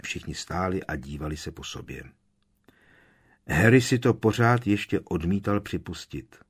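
A man reads a novel aloud with a low, husky voice. His narration is measured and solemn, steady from line to line. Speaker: audiobook narrator. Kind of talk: scripted narration.

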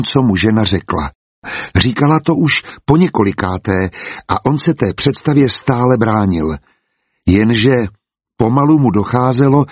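A man narrating a storybook as an audiobook, in a calm and even way. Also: medium pitch, husky, dry recording.

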